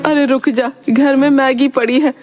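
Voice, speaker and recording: A woman voicing a sharp-tongued, proud mother-in-law who taunts and mocks. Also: sits high, steady tone, normal speed, a little hiss or hum, close to an everyday voice. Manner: taunting, sarcastic.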